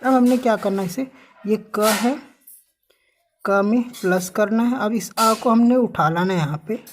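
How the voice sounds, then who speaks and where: A woman with a medium-pitched, unhurried voice teaches English sounds in a slow classroom explanation, spelling words letter by letter and answering her own questions. She says "ठीक है" often, and there's a little hiss or hum.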